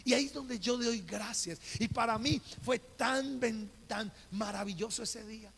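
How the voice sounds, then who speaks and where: A man's voice: high voice, measured pace, vocal fry, a bit bright. A Colombian man preaching a sermon as pastor, telling a personal story and acting out the dialogue. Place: church. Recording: reverberant church hall with faint noise.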